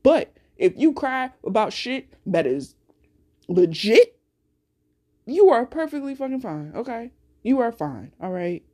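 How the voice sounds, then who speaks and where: Animated, blunt woman podcasting solo. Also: on the high side, a little slow. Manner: blunt, heavy cursing, animated storytelling. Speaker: podcast host. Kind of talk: casual solo podcast monologue.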